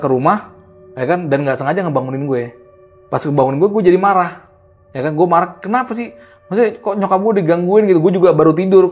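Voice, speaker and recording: A young man casually tells a horror story in a lively, slangy way. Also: on the high side. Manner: animated, acts out the people in his story, slangy. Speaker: guest storyteller.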